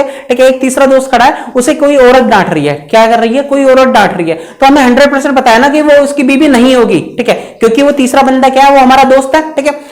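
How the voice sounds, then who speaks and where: Man, grammar lesson, asks and answers his own questions, slows down for examples. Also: extremely high pitch. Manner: repetitive, question-and-answer explaining, drawn-out English examples. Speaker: English grammar teacher. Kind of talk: classroom lecture.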